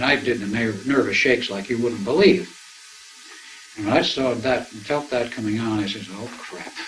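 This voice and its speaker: An older man with a fairly low voice tells his story in a loose, conversational way. He acts out what others said as he goes, over a faint hiss in the background. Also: fairly bright tone, low-quality recording. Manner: rambling, conversational, acts out quoted dialogue. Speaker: speaker recounting personal experiences. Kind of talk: anecdotal storytelling.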